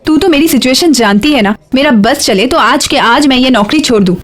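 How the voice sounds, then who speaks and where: A woman's voice: high-pitched, lively intonation, a little fast. A young woman playing a tired office worker speaking earnestly in a TV drama. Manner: weary, earnest. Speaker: office employee. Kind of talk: TV drama dialogue.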